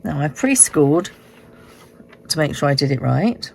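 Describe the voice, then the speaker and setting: Croaky, low-voiced woman demonstrating crafts. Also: very animated, background noise. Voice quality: hoarse, croaky like a frog. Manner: unhurried, explaining step by step. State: croaky voice, recovering from illness. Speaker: host of a card-making tutorial. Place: indoors at a craft desk.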